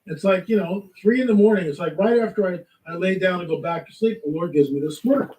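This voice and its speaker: A man telling a spiritual testimony in lively storytelling, acting out the voices in his story. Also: sits high, brisk, reverberant, recorded from a distance, poor audio. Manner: animated storytelling, acts out quotes. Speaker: guest. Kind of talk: testimony in a talk show.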